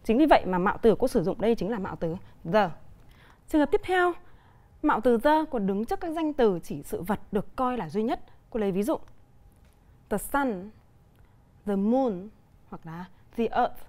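A woman teacher with a Vietnamese accent, explaining a televised English grammar lesson clearly and deliberately with examples. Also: on the high side, sing-song, darkish tone.

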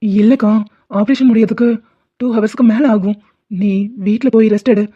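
A woman's voice: mid-range voice, steady tone, moderate pace, close to an everyday voice. A woman voicing a caring young husband in a cartoon drama, speaking firmly and reassuringly. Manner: firm, reassuring. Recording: dull lo-fi sound.

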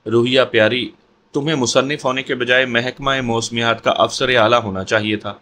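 A man's voice: medium pitch, fairly even intonation, pushed and bright, a little hiss or hum, lightly acted. A man voicing a jovial, teasing middle-aged male doctor in an audio story, with an amused, easygoing manner.

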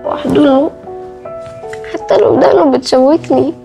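An actress with an Egyptian accent playing a sharp-tongued, cheeky young woman in a TV drama. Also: sits high, moderate pace, vocal fry, faint music behind. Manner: whiny, cheeky teasing. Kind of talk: TV drama acting.

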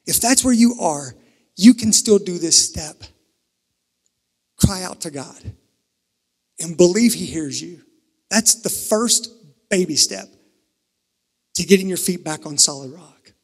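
A man from Kentucky preaching a sermon at a pulpit microphone, earnest, shifting between emphatic and hushed. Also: sits high, lively intonation, slow, pauses often. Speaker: pastor. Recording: reverberant sanctuary, pulpit mic.

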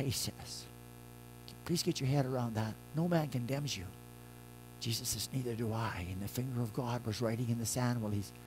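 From the pulpit of a church, an older pastor with a mid-range voice preaches in a conversational style, alternating loud emphatic passages with soft, quiet ones. The audio quality is poor.

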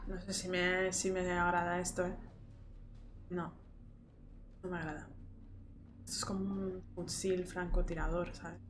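A woman's voice: on the low side, little pitch movement, unhurried, long pauses, background noise. A young woman with a Spain Spanish accent giving casual gameplay commentary as a streamer, shrieking and swearing at the action, then reading item menus aloud to herself.

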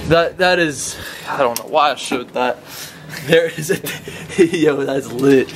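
A man's voice: fairly high pitch, takes it slowly, slight background noise. A young man vlogging on vacation, giving a laid-back, joking tour of a beach hotel room on a handheld camera. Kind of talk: casual vacation vlog.

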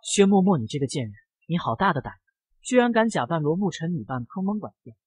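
A man's voice: very animated, fast, slightly rough. A man voicing a scheming young woman who poses as an heiress, fawning and spiteful by turns, in a comic recap. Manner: fawning, then shrill and spiteful.

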